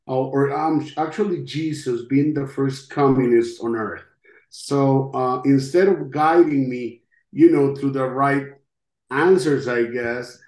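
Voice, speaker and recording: A middle-aged Costa Rican man with a Spanish accent gives a personal testimony during an interview, acting as both guest and podcast host. His mid-range voice is mellow and he speaks very unhurriedly, halting and reflecting with long pauses. The room produces a noticeable echo.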